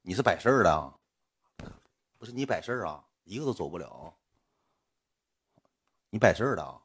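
A man's voice: low voice, very animated, a little fast, fairly bright tone, breathy edge, voice pushed down, heavily acted. A man putting on a surly young tough with a northeastern accent. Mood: menacing. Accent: Northeastern Mandarin. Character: young male local tough, threatening and surly.

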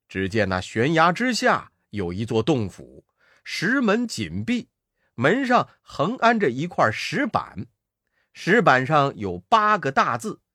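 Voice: medium pitch, no echo, studio quality. 语调起伏很大的讲故事人. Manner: expressive, measured. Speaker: storyteller. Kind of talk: children's story narration.

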